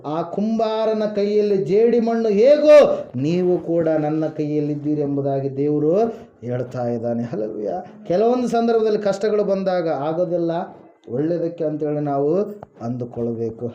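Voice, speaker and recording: A man's voice: fairly high pitch, warm tone. A male pastor preaching a sermon, asking the congregation questions and answering them himself, with frequent hallelujahs. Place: house church room. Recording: echoey room, dull lo-fi sound.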